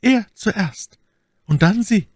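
A man voicing a vengeful noblewoman in an audiobook, speaking in a shrill, venomous falsetto. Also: animated, takes it slowly, no echo, studio quality, exaggerated voice. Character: icy vengeful noblewoman, adult, furious. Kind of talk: audiobook character voice.

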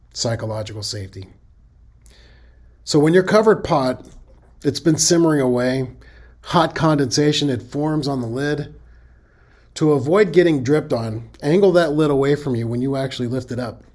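Hosting a safety podcast, a middle-aged Midwestern-accented man talks in a mid-range, slightly mellow voice. His delivery is a folksy, chatty monologue that now and then pauses to correct itself.

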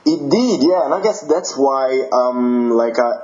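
A man's voice: medium pitch, expressive, unhurried, darkish tone, highs cut off. A young man in his twenties from Italy, speaking English with an Italian accent as a guest musician, friendly and laughing easily while he searches for words. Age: 20s. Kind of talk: casual interview.

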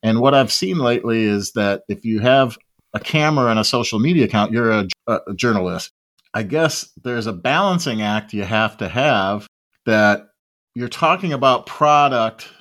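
A man's voice: medium pitch, lively intonation, moderate pace, a bit bright. A middle-aged man hosting a podcast in casual banter, with a joking, teasing way of talking. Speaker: podcast host.

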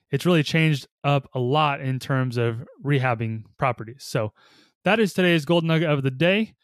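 A man's voice: on the high side, clear, resonant tone, no room sound, clean studio sound. A man hosting a podcast, talking to listeners and his guest in an upbeat, conversational way with casual fillers. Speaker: podcast host. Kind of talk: podcast interview.

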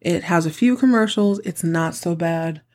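A woman's voice: on the low side, moderate pace, a little mellow. A woman hosting a casual TV recap podcast, chatty and campy, with theatrical, dramatic emphasis. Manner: theatrical, campy show-host delivery. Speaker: podcast host.

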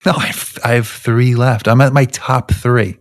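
A man's voice: mid-range voice, fairly even intonation, normal speed, no room sound, studio quality. A man co-hosting a podcast in casual chat, rambling and restarting his sentences, laughing often. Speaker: podcast co-host.

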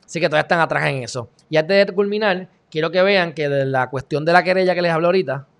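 A man's voice: on the high side, fast, vocal fry, a bit bright. A man with a Puerto Rican accent hosting a live stream, giving heated, sarcastic commentary and reading the chat. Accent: Puerto Rican Spanish. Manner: sarcastic, heated, mocking asides. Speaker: online show host.

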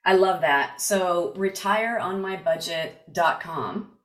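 A podcast host with a lowish voice opens with an enthusiastic scripted intro, then chats casually with her guest in an interview. She talks slowly in an echoey room.

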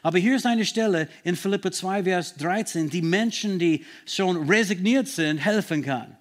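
High-voiced man preaching earnestly. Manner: earnest, emphatic preaching, often slowing for stress. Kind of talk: sermon.

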